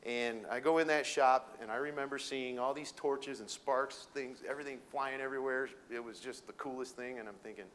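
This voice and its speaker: A middle-aged man from Detroit, Michigan, who carries a Minnesota accent, works as a welding sales manager and is giving a folksy, rambling informal talk to educators in a room with an audience, full of fillers and restarts. His voice sits at medium pitch with fairly even intonation, a slightly bright tone, and a somewhat fast pace with few pauses. The audio quality is poor.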